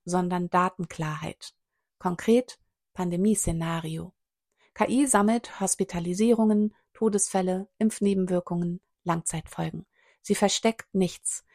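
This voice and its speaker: A woman's voice: medium pitch, gravelly, dry recording, clean studio sound. A woman reading a prepared text aloud in short, clipped fragments, with occasional brief asides of her own.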